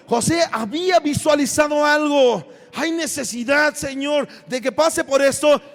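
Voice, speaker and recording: A Mexican man preaching from the pulpit in a very high, ringing voice. He swings from loud, impassioned shouts to quiet asides to the church. His voice carries a long echo through the hall. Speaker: pastor. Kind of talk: sermon. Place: church sanctuary.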